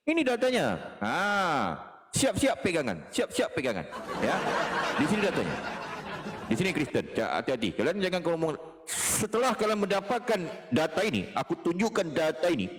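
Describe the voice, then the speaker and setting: A man giving mocking, mock-preachy debate talk, taunting and laughing as he goes. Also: sits high. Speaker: self-styled pastor in an online debate. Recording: reverberant, hall-like echo.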